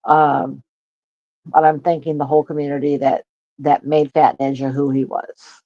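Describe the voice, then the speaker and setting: A guest on an online call with a bad connection, giving a halting, casual tribute full of restarts and fillers. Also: medium pitch, little pitch movement, dry recording. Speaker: guest on a memorial podcast. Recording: dull lo-fi call line, dry.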